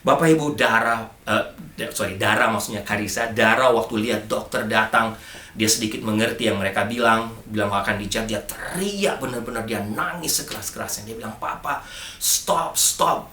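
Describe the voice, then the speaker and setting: A man's voice: fairly low pitch, a little fast, bright, forceful tone, slight background noise. A middle-aged man preaching a sermon as pastor, emphatic and speaking directly to the congregation. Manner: emphatic, addresses congregation often. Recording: echoey church hall.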